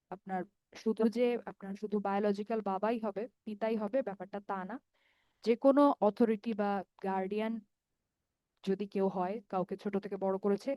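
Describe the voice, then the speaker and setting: A woman with a Bangladeshi Bengali accent gives an online grammar lesson over a call, her medium-pitched voice dark and mellow. Patient and methodical, she explains step by step, repeats word forms slowly with drawn-out long vowels, and often checks in with "ঠিক আছে?" The recording is dry and close, with no room sound.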